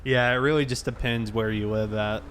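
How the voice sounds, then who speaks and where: A man with a mid-range, slightly bright voice keeps a steady tone and moderate pace as he chats while gaming, explaining things conversationally like a streamer running a session. Faint vehicle sounds and ambience linger in the background.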